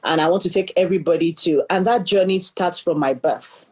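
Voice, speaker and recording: Her voice is husky and fairly low, and she talks briskly. On a podcast, this middle-aged Nigerian woman, a leadership coach, earnestly shares her life story, frequently repeating words as she gathers her thoughts.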